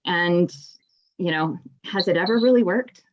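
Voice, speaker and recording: A woman's voice: lowish voice, a little slow. A woman in the audience of an online discussion, rambling with frequent "you know"s. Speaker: audience member. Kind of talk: casual discussion on a video call. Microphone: video call. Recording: dull lo-fi call audio.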